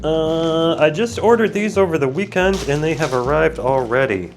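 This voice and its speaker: Over guitar music, a man chats through a casual, rambling product unboxing and review for his video, groggy from just waking up and slightly congested from his sinuses. His fairly high voice has lively intonation at a moderate pace, and his easygoing talk drifts into digressions and cuts itself off.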